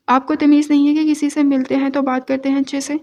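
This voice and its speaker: A young husband who coaxes and placates in a patient way, as a woman narrator voices him. It is read in her own high voice, with no heavy acting. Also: little pitch movement, a little mellow. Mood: coaxing. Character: young man, patient husband, gently teasing. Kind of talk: audio novel reading.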